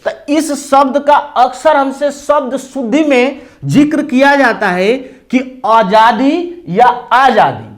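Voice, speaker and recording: A man's voice: extremely high pitch, slow, hardly any pauses. A man teaching a Hindi grammar lesson, explaining step by step and asking and answering his own questions, with an eastern Uttar Pradesh accent.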